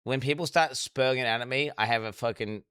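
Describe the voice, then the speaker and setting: Bright, crisp-voiced man rambling profanely. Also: mid-range voice, fast, no room sound, clean studio sound. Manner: rambling, profane, restarts often. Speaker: streamer reacting to a documentary. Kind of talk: casual live-stream commentary.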